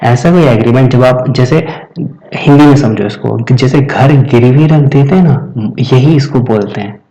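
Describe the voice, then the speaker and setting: A man's voice: mid-range voice, warm tone, poor audio. A man teaching vocabulary, explaining patiently and repeating each answer for his students. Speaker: English teacher. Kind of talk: vocabulary lesson.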